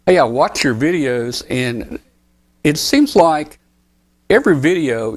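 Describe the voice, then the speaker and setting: A man hosting a live ham radio talk show, interviewing a guest in a friendly, chatty manner with frequent restarts. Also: fairly high pitch. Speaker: show host.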